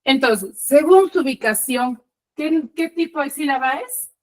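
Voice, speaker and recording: A woman teacher speaks over a video call, her fairly high voice rising and falling a great deal. She keeps checking in with short questions as she leads the online lesson. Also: lively intonation, measured pace, a little mellow.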